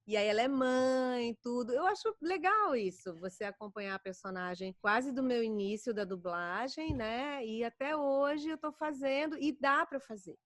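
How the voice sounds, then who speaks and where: A woman's voice: on the high side, moderate pace, few pauses, dry recording, studio quality. A middle-aged woman with a Brazilian accent, a voice actor chatting in an interview. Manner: animated, chatty, many fillers. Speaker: voice actor guest. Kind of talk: casual interview chat.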